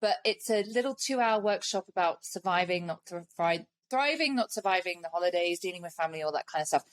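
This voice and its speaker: A woman's voice: fairly low pitch, animated, brisk, no room sound. British lady in her 40s hosting a podcast, chatty and giggly, dead dry mic. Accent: British English. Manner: chatty, laughs often, restarts sentences. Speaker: podcast host. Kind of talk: casual podcast chat.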